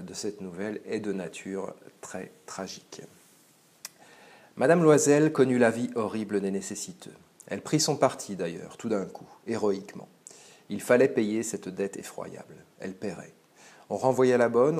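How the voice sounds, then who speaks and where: A man with a fairly low voice gives a recorded literature lesson. He reads the passage with expressive rises for emphasis, then explains it in a measured, patient way, often pausing on "euh". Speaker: French literature teacher. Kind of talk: recorded lesson reading and analysing a text.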